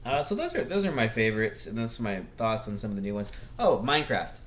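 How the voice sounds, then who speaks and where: A middle-aged man hosts a movie review vlog, offering casual, rambling opinions that are blunt and sweary. His fairly low, fairly bright voice is very animated, and he keeps stumbling into false starts and beginning again, with slight background noise behind him.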